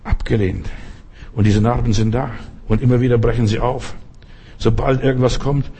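Older guy pastor preaching, husky voice, slows way down to hammer points home. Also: medium pitch, warm tone. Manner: preaching with slow emphatic repetitions. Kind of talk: sermon.

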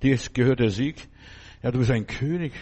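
A man's voice: medium pitch, normal speed, a little mellow, breathy edge. A man preaching a fervent sermon, exhorting his listeners with repeated phrases and frequent "you understand?" asides.

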